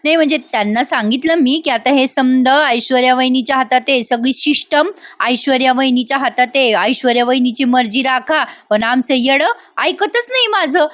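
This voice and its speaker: Woman playing a rustic village wife from a soap retelling: gossipy, flattering, country speech, high pitch. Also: moderate pace.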